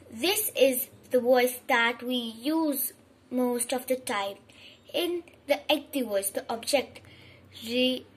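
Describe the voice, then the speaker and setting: A woman giving a slow grammar lesson, reading aloud haltingly with frequent restarts and slips. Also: high voice, breathy edge. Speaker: teacher.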